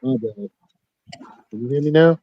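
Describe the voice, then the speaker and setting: Podcast co-host, male, slangy and relaxed, heard only as muffled bass over a dull lo-fi call line. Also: moderate pace, no echo. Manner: laid-back, slangy talk. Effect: muffled, bass-heavy sound with the highs cut off. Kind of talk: casual wrestling chat. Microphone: remote call mic.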